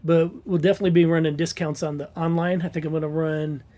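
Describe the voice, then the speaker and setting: A Missouri man with a slightly high, level voice talks fast and warmly while co-hosting a casual podcast. He's a convention organizer, and he plugs his event in a rambling, promotional way packed with ums and filler.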